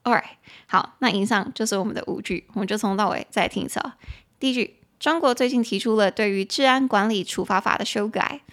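A woman hosting a podcast English lesson. She switches between Mandarin and English, repeats phrases slowly, spells words letter by letter, and adds frank personal opinions. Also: medium pitch, a bit bright. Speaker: podcast host and English teacher.

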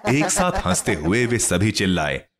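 A man narrating a children's story in an expressive, scripted reading. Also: on the low side, a little slow.

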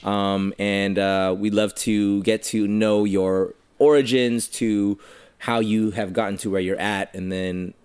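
A man's voice: lowish voice, little pitch movement, a little slow, a little mellow, smooth, no room sound. A man hosting a podcast, chatting casually and upbeat with a guest, with many fillers. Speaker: podcast host.

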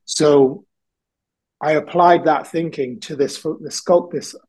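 A man's voice: a little high, steady tone, slow pace, a little mellow, slightly rough, poor audio. A man from South Wales, a guest artist in a casual interview, talking thoughtfully and rambling a little, with frequent ums and laughs.

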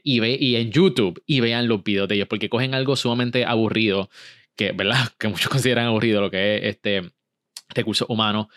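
A man's voice: fairly low pitch, a bit bright, no echo. An upbeat man hosts a podcast interview, slipping English words into his talk. The sound is close and dry, with almost no room. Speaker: podcast host.

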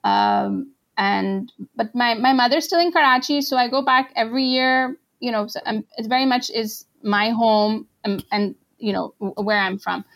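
Animated and on the high side, this Pakistani woman speaks at a moderate pace with hardly any pauses. She's a translator being interviewed as a guest, non-Arabic by first language, chatting casually and peppering her speech with "like" and "you know".

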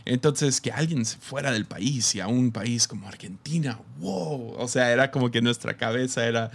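A Mexican man talking casually to his church, his voice sitting at an ordinary middle pitch. He chuckles often and keeps stumbling into fillers and restarts as he thinks aloud, giving the talk an easy, chatty flow. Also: normal speed, gravelly.

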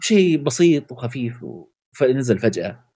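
A man co-hosting a casual gaming podcast, opinionated and animated, often pausing on fillers and searching for words. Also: slightly rough. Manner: animated and opinionated, jumps to high pitch for emphasis; many hesitations and filler sounds. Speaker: podcast co-host.

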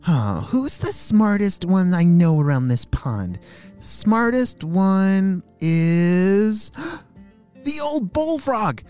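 Storybook role: jittery little boy frog, squeaky and eager, voiced by a man, soft music under. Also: expressive, moderate pace, smooth. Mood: excited. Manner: high and eager, wide-eyed. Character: excitable young male spring peeper frog. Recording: faint music behind.

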